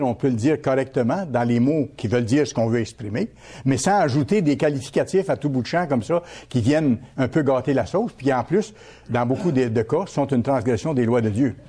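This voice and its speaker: A man's voice: medium pitch, dark tone, husky. A man preaching a sermon as a pastor, teaching by repeating key words and asking his listeners questions.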